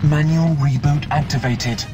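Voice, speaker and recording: A robotic onboard computer for an armored suit, reads out system alerts in short, clipped lines. The voice sits a little high for a man and keeps a flat machine delivery in a video game. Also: measured pace, over loud music. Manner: clipped system status announcements.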